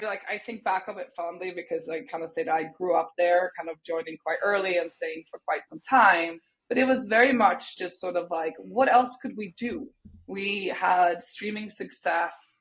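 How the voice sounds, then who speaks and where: A native Swedish speaker from Sweden, a woman in her thirties, is a guest in a casual interview over a video call from a room at home. Her voice sits on the low side, and she speaks thoughtfully, often hedging with "sort of" and "kind of." The recording quality is low.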